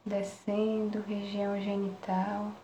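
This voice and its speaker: A Brazilian woman guiding a relaxation meditation in a soft, soothing spa-like manner, with long pauses between short phrases. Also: medium pitch, monotone, lo-fi sound. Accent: Brazilian Portuguese. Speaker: meditation guide. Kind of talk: guided relaxation meditation, live. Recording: roomy echo, faint background noise.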